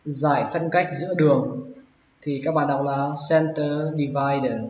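A man with a Hanoi accent talks slowly and patiently in a fairly high voice, going over each word again and again. The sound is dull and lo-fi, caught in a roomy space with a faint hiss behind him. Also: fairly even intonation. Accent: Hanoi Vietnamese. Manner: patient, repeats each word several times. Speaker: English teacher, channel host. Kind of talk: vocabulary lesson.

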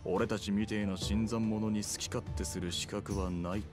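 A man playing a brusque, wary enforcer in a video game drama, talking in rough yakuza-style street speech. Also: fairly low pitch, steady tone, moderate pace, over music, natural voice. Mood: gruff, dismissive.

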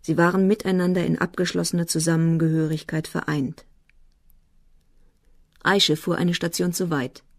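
Brief: calm woman narrator, lowish voice, dry close studio read of a novel. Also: normal speed, pauses often, no room sound. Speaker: audiobook narrator. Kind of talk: literary audiobook narration.

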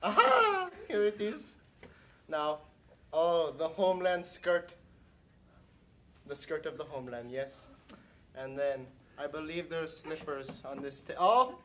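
A woman playing a gushing, devoted designer who fusses over her prince, talking theatrically with squealing high leaps. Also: a little mellow, a little hiss or hum. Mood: fawning. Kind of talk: improvised comedy skit.

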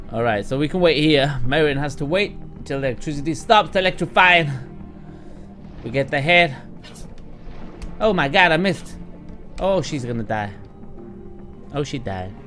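A man in his thirties with a voice on the high side and a sharp tone does casual let's-play commentary at home. Using a mock Texas drawl, he curses freely, talks to the viewers, and bursts out in frustration while game music plays.

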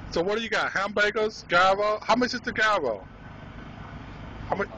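Male street vlog host, chatty and questioning, slightly high voice. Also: expressive, normal speed, sharp tone, slight background noise, rough recording. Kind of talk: street food vlog chat. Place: outdoors on a city street.

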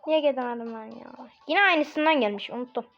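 A woman hosting casual gameplay commentary, chatty and bursting into excited shouts at the game. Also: sits high, normal speed. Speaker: gaming channel host. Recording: muffled lo-fi recording with faint game music.

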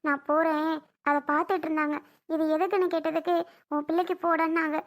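Woman doing a very high-voiced young mom from a family drama skit, emotional and repetitive. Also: flat delivery, a little fast. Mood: tearful, pleading. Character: anxious young mother wronged by her brother's family.

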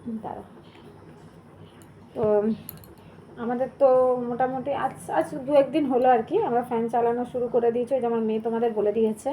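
A young woman talks quickly and chattily to her viewers in a casual home vlog. Her voice sits a little high, and a faint hiss runs underneath. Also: little pitch movement, dark tone. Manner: chatty, speaks straight to viewers. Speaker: vlogger.

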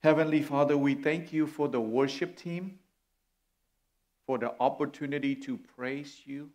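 A man's voice: a little high, steady tone, unhurried. A middle-aged man from Vietnam, preaching an earnest sermon as a guest speaker on a church stage. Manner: earnest, warm, gesturing as he preaches.

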